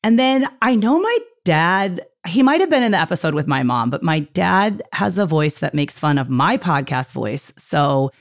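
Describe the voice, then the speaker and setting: A woman in her thirties hosting a podcast, talking fast and chatty with frequent laughs. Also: on the low side, big pitch swings. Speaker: podcast host. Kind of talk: casual podcast chat.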